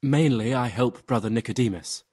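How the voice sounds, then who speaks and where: A man's voice: mid-range voice, moderate pace, a little mellow, husky, close to an everyday voice. A male actor playing a modest, helpful monk in a medieval video game, speaking plainly. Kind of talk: video game dialogue acting.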